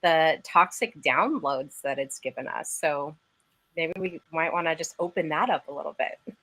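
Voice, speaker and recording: A woman's voice: low voice, normal speed, sharp tone, low-quality recording. A woman hosting a live podcast, chatting enthusiastically with her guest. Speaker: podcast host. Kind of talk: casual live-stream interview.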